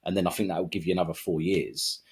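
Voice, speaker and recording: A man, a podcast guest telling his story in a rambling, relaxed way with many fillers and restarts. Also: low voice, fast, husky. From Kent, England. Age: 30s. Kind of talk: casual storytelling interview.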